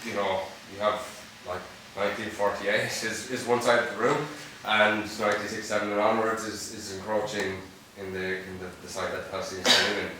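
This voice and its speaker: Man in the audience, earnest and rambling, bright tone, distant and roomy. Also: fairly low pitch, little pitch movement, a little fast, few pauses, slight background noise. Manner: rambling, filler-heavy, earnest. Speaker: audience member asking a question. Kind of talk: audience question at a Q&A. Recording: echoey hall, distant mic.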